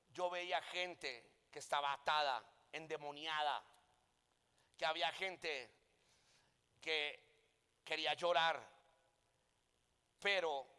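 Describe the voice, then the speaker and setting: Fervent male preacher from Colombia, high voice, ringing hall reverb, swings from hushed asides to shouted emphasis. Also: clean tone. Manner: impassioned, rising to shouts on key points. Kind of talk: sermon with personal testimony.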